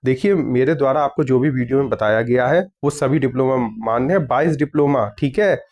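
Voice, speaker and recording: A man's voice: mid-range voice, a little fast, darkish tone. Man answering viewer comments on exam news. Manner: reads comments aloud and answers firmly, with many "theek hai". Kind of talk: casual chat reading viewer comments.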